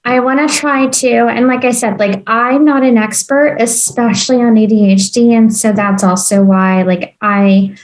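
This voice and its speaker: A woman hosts a podcast conversation in a slightly raised pitch. Her delivery is earnest and easygoing, with the occasional soft filler. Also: fairly even intonation, moderate pace, few pauses, poor audio. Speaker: podcast host. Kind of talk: casual conversational interview.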